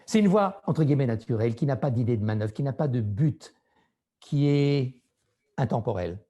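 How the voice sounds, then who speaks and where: Husky, animated male speaking coach. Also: normal speed, dull audio. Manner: demonstrative, illustrates pitch and emphasis with his own voice. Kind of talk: didactic lecture on vocal delivery.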